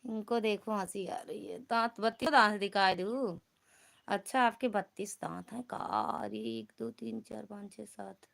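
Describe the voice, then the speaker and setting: Her voice is smooth and a little high as she chats casually on a live stream, going through viewer comments. She speaks with an Awadhi accent and trades rustic, teasing banter with her audience.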